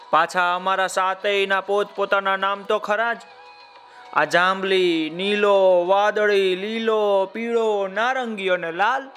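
A man voicing a talking rainbow in a children's story, explaining slowly like a patient teacher. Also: high-pitched, sharp tone, full character voice.

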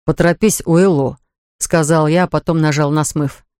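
A man's voice: fairly high pitch, normal speed, smooth, no echo. Man reading a novel aloud, dry sound. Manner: even, plain reading with dialogue. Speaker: audiobook narrator. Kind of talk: scripted narration.

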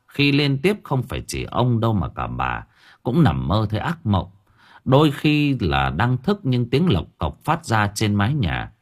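A man narrating a ghost story in a dramatic storytelling manner. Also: fairly low pitch. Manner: dramatic, swings in tone. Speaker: audiobook narrator.

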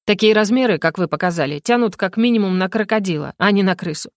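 A woman's voice: mid-range voice, quick pace, no echo, natural voice. A woman voicing a stern, grumpy male battle mage who speaks dryly and skeptically. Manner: dry, skeptical, gruff.

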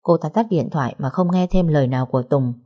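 A woman narrating a romance audiobook in a steady storytelling manner. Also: deep voice, fast talker.

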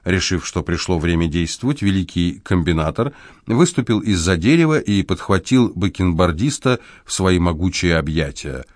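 Deep-voiced male audiobook narrator. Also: animated, normal speed, no echo, studio quality. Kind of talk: scripted narration.

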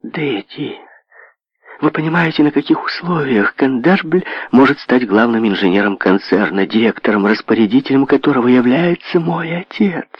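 A man reading an audiobook, raising his voice to play a willful, demanding young heiress who speaks with sharp emphasis. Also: mid-range voice, lively intonation, unhurried, no echo, voice pushed up. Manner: demanding, emphatic, swinging to soft. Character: willful rich young woman, heiress, imperious. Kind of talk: audiobook character voice. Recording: dull lo-fi audio.

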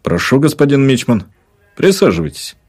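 A courteous army officer asks formal, probing questions with polite restraint, as a male narrator plays him. The voice is a little raised and husky, in an audiobook. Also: medium pitch, very animated, moderate pace, a little mellow, soft background music, pitched above the performer's own voice.

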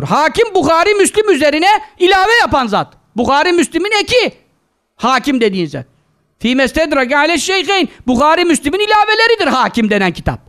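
A male preacher delivering a sermon to a live gathering has a very high, fairly bright voice that leaps up and down. He scolds his listeners, fires rhetorical questions at them, and weaves quoted Arabic scripture into his talk.

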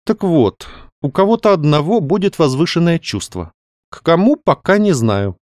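A man reading aloud, voicing a lively, excitable young woman novelist in a raised, animated voice. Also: on the high side, normal speed, no room sound, clean studio sound, voice pushed up. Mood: excited.

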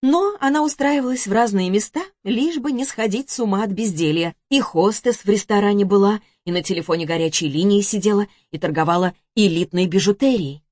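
Женщина размеренно и выразительно читает аудиокнигу. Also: female voice, mid-range voice, fairly quick, hardly any pauses, darkish tone, dry recording, clean studio sound. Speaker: audiobook narrator. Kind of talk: scripted narration.

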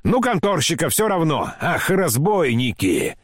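A man's voice: fairly high pitch, very animated, a little slow, husky, no room sound, clean studio sound, pitched above the performer's own voice, exaggerated voice. A man voicing an imperious old grandmother. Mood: scolding. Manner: bossy, shouting commands.

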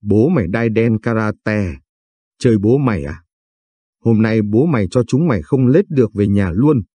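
A man reads out a tough young woman with a filthy mouth, bossy and threatening as she barks at people. The voice sits low and husky, with a dark, mellow tone. The recording is dry and close. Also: expressive, moderate pace, no room sound. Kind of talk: audiobook reading.

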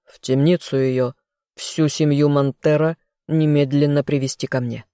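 A stern older monarch speaks in a slow, grave, commanding way, a touch lower than the reader's own voice, as an audiobook reader puts him on. The tone is dark and mellow, recorded close and dry. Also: little pitch movement, clean tone, dry recording, natural voice. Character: stern older king and father, weary ruler. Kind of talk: audiobook character voice.

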